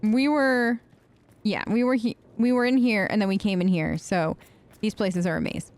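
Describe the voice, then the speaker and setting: A woman hosting a let's play, giving chatty, excitable commentary while she plays and yelping when startled. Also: mid-range voice, moderate pace. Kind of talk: gameplay commentary. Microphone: headphones with mic.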